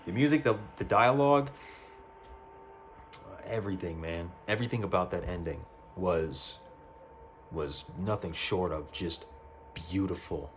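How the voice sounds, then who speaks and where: A man talking casually about a video game ending, excitable, swearing freely and often stumbling over and repeating his words. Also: low-pitched, measured pace, long pauses, slight background noise. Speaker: gaming youtuber. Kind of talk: casual game review monologue. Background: faint music.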